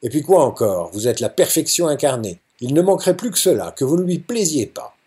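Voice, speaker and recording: A commanding middle-aged father barks brisk orders, as a male reader puts him on. The voice has a husky, breathy grain and a lively, swinging pitch. It is read aloud from a novel. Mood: authoritative. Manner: brisk, peremptory.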